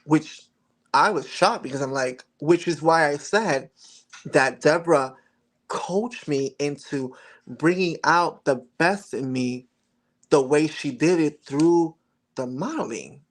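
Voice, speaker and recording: A slightly high male voice speaks slowly: a model in his forties guesting on a casual interview. He looks back on his journey earnestly and reflectively, breaking into occasional laughs and restarting sentences.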